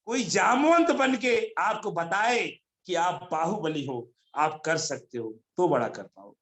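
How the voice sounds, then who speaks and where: A man giving an animated motivational talk over a video call, telling stories and calling on listeners by name. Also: high-pitched, slow. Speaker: motivational speaker.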